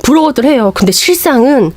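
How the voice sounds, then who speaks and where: Middle-aged lady host just chatting through a drama plot, animated, keeps clearing her throat. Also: high-pitched, brisk, dry recording. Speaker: podcast host. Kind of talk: casual storytelling retelling a drama.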